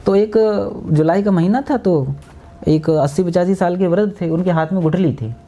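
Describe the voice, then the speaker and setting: A man's voice: high voice, normal speed. A man with an Uttar Pradesh Hindi accent, a guest telling stories and acting out voices in a podcast interview. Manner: animated storyteller acting out voices.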